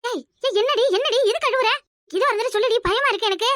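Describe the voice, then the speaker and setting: A very high, piercing old mother-in-law for a village cartoon. She scolds and frets loudly in quick, panicky bursts. The voice is close and dry, with no room sound. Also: dry recording. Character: shrill fretful old woman, mother-in-law. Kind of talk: Tamil village cartoon voice acting.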